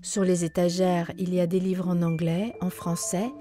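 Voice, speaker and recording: A woman with a somewhat low voice reads scripted podcast narration in a measured, even way. Music plays clearly beneath her voice. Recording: narration over background music.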